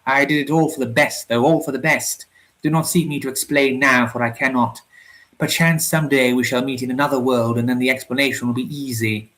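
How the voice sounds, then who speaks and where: A man's voice: medium pitch, steady tone, a little fast, fairly bright tone, close to an everyday voice. A man voicing a weary, sad young noblewoman who speaks in a faraway tone, in a storybook reading.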